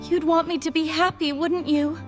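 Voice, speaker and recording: A woman voicing a gentle, hopeful young Cinderella who speaks in a soft, earnest, pleading storybook manner, with music playing behind. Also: very high voice, little pitch movement, moderate pace. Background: orchestral music.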